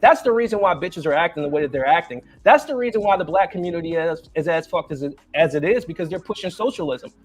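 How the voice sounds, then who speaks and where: Fast, high-voiced man talking through a mask. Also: expressive, soft background music. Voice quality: speaking through a face mask. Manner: boastful, profane. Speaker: panel guest. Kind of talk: heated panel debate.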